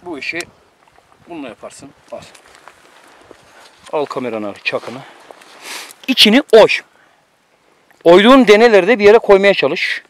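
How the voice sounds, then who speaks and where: A man with a high, sing-song voice is cooking outdoors on a mountain, bossing and teasing a friend in casual chat. He speaks at a moderate pace with long pauses, keeping up a running commentary caught on a camera mic.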